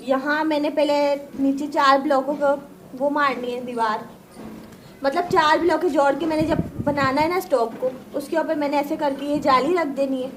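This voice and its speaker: ऊँची आवाज़ वाली पाकिस्तानी गाँव की व्लॉगर औरत. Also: female voice, high voice, slight background noise. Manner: chatty, keeps asking "right?"; animated, re-enacts arguments. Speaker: village vlogger. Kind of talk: casual vlog chat to viewers. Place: outdoors at a village house courtyard.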